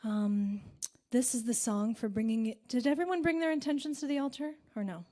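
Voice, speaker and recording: A woman singer leading a spiritual gathering, talking softly and meditatively between songs. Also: a little high. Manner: soft, slow, meditative. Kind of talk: spiritual talk between songs at a live concert.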